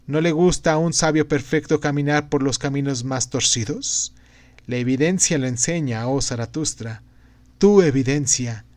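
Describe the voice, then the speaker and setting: A man's voice: mid-range voice, moderate pace, darkish tone, dry recording, lightly acted. A man reading aloud and voicing a grave, fervent male prophet-sage in a declamatory way. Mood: questioning. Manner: declamatory, exhorting. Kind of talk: audiobook reading.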